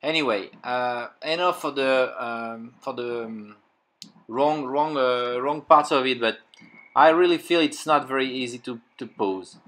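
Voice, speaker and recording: A middle-aged Frenchman, French being his first language, reviews a toy in casual, accented English, full of fillers and restarts as he searches for words. His mid-range voice is fairly bright and measured in pace. The low-quality recording was made indoors in a room crowded with figures and display cases.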